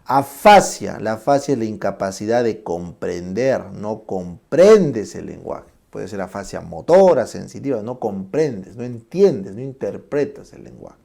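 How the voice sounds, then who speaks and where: A man lecturing to a class in a gravelly voice, spelling out terms one by one and pausing to ask whether the room is following. His tone is dark and mellow, never sharp. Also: lowish voice, big pitch swings. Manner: checks in often with tag questions; explains terms slowly, then shows them aloud. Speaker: medical lecturer.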